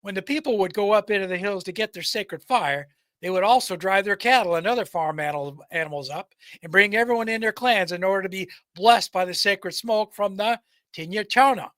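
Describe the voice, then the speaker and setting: Male storyteller, high pitch, scripted podcast narration, occasional stumbles and repeats, very dry close recording. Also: brisk, a bit bright, no echo. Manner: stumbles and repeats words while reading. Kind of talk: scripted narration, reading a folk tale.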